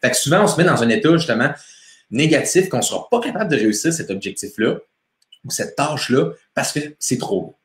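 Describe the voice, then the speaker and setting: A chatty young man with a Quebec French accent hosts a casual live stream, greeting viewers by name and laughing easily. His mid-pitched voice swings up and down with lots of life. The sound carries a roomy echo. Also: expressive, brisk. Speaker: motivation coach hosting a live stream. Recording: echoey room.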